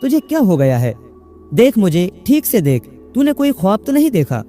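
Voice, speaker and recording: A man reading a story, voicing a worried elderly mother who pleads with her confused son, pitched up high. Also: very animated, normal speed, mellow, faint music behind. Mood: pleading worry. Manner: anxious, pleading, rising higher.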